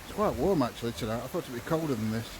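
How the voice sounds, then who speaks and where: A British man with a mid-pitched voice chats informally to live viewers as he hosts from the woods at night. His delivery is chummy and loose, with repeated greetings, over clearly noisy outdoor ambience. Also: lively intonation, rapid-fire. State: tired from walking. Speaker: livestream host of night-time ghost hunt. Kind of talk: casual live-stream chat, greeting viewers.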